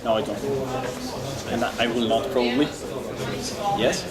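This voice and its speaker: A man's voice: medium pitch, steady tone, moderate pace, roomy sound. Hesitant young man, crowd noise behind. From Greece. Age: 20s. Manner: hesitant, many fillers and restarts. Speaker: interviewee, exchange student. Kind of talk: casual interview answers.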